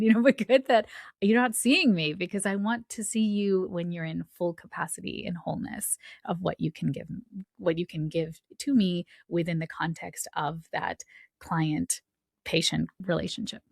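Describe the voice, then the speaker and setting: A woman's voice: on the low side, moderate pace, creaky, dry recording, studio quality. A middle-aged woman giving a weekly astrology forecast in a chatty, reflective way, with personal asides. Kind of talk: casual spoken forecast.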